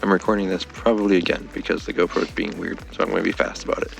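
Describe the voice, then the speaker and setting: A tired, subdued man with a gravelly voice, talking casually to camera as a vlogger. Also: low voice, steady tone, rapid-fire, faint music behind. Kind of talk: casual vlog talk to camera.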